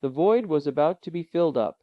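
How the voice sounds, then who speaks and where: A man reading a classic adventure novel aloud in a measured, dramatic narration. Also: on the high side, lively intonation, no room sound. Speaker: audiobook narrator. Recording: dull, lo-fi, dry.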